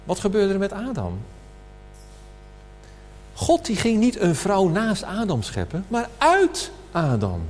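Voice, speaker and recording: A man preaching a sermon at a communion service, slow and emphatic, asking rhetorical questions. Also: high-pitched, wildly swooping pitch, a little mellow, faint music behind. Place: church hall. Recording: reverberant hall with faint hum.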